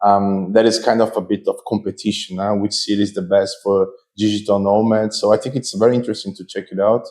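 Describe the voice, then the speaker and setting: A male host with a mellow, darker tone runs a casual interview. He asks friendly, talkative questions. His speech moves at an easy conversational pace. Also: fairly low pitch, flat delivery, fast talker.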